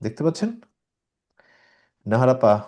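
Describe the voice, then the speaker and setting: A man teaching a Quran reading class online, who corrects his students and patiently explains the rules step by step, slowing down to demonstrate the recitation. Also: medium pitch, very animated, darkish tone.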